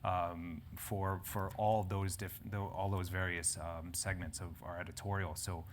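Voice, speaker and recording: Moderating a panel at a conference event with an audience present, a health publication's editor speaks in a low, unhurried voice with little pitch movement. His talk wanders, full of restarts and fillers. A little hiss or hum is audible.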